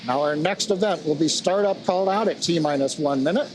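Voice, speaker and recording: Man, high pitch, webcast host, explanatory technical commentary, slight background noise. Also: a little fast, rough recording. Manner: explanatory, matter-of-fact. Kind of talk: live technical launch commentary.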